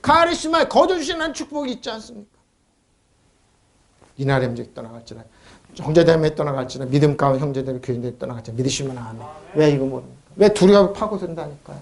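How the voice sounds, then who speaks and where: A man preaching a sermon as a pastor. He talks in an animated way, asks rhetorical questions, mocks the complaints of believers, and calls for amens. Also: a little high. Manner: calls for amen responses.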